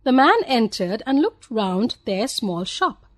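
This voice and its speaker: A woman with an Indian English accent reads a textbook story aloud, clear and expressive. Her voice sits high and rises and falls a lot. The sound is dry and close to the mic. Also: no echo. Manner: clear, expressive, measured reading. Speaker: textbook audio narrator.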